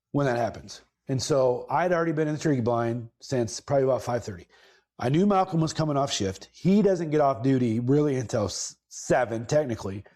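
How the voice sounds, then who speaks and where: A man tells a long story on his podcast, mid-pitched and casual. He rambles, backs up to correct himself, and leans into bursts of emphasis. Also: darkish tone. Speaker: podcast host.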